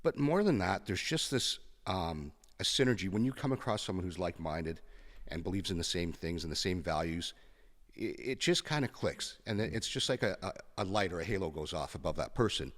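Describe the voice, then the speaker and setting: A man in his fifties with a deep voice talks as a podcast guest, blunt and frank, pausing on fillers as he tells his story. A long reverb hangs on his words, as if the room rings. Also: animated. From Kenya. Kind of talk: conversational interview.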